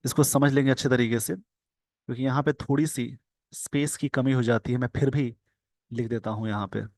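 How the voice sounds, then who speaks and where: Indian man slowly explaining an English editorial. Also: mid-range voice, steady tone, darkish tone, dry recording. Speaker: English teacher. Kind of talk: newspaper editorial lesson.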